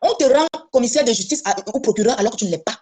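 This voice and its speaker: A woman's voice: on the high side, expressive, rapid-fire, mellow, breathy edge. A woman from Cameroon living in France, talking bluntly and insistently in a casual online discussion, repeating her points. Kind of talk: heated casual chat. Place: lives in France.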